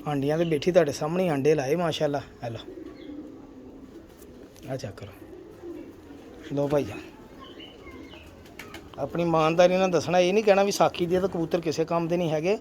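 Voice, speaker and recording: Chatting as he walks through his pigeon loft, a man who keeps pigeons and hosts a channel shows off his birds and often blesses them as they coo behind him. He talks fast in a darkish voice on the high side, with fairly even intonation and slight background noise.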